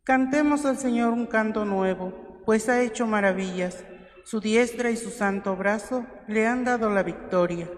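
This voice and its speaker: A lector giving a formal, steady reading at Mass in a large church with a long cathedral echo. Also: medium pitch, a little slow. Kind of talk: liturgical reading. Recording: echoey church recording.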